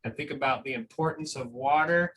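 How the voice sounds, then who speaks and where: Talking to school families, a man reads a picture book and comments casually, sounding encouraging and often checking "right?" His medium-pitched voice is fairly bright and fairly quick, but the audio is poor and background noise is noticeable.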